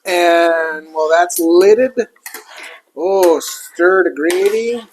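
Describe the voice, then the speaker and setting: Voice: medium pitch, extremely slow, slight background noise, rough recording. A cook giving a casual, chatty cooking demonstration while working a griddle, with food sizzling and utensils clinking behind.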